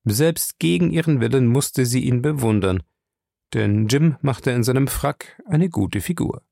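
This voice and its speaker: A male audiobook narrator with a gravelly voice, reading in a steady storytelling way. The sound is dry and close, with no room around it. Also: mid-range voice, measured pace, no echo. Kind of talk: scripted narration.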